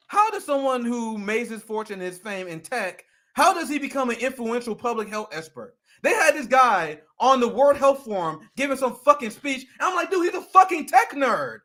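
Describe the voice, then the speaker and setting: A man's voice: very high voice, sharp tone. A young adult man co-hosting a political commentary show, ranting in a heated, profane way. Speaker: co-host.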